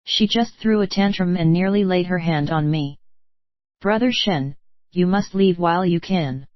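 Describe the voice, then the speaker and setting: A woman's voice: on the low side, no room sound, highs cut off, lightly acted. A frightened henpecked husband, read by a woman's synthetic voice. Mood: pleading. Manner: pleading, hurried. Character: frightened henpecked young nobleman.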